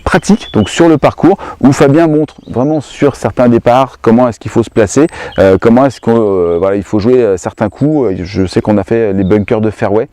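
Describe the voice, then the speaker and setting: A man's voice: mid-range voice, moderate pace, hardly any pauses, mellow. A man hosting a golf lesson, talking in a casual, hesitant, explanatory way. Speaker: golf course host. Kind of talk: casual instructional chat.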